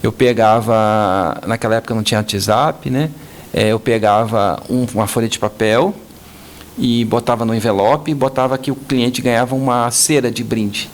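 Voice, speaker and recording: A man's voice: medium pitch, moderate pace, slight background noise. A man from Brazil, a business owner guest on an interview podcast, telling stories animatedly and acting out the voices of the people in them. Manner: animated storyteller, acts out quoted voices. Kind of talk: storytelling interview.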